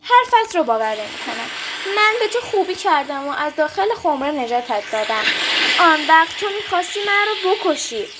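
Brief: shrewd poor male fisherman in a storybook tale, a woman doing the voice, high, noisy recording. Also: big pitch swings. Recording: clear background noise.

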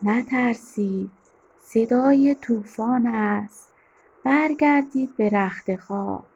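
A woman voicing a calm, loving mother who reassures her children in a soothing way. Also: a little high, breathy edge, muffled recording.

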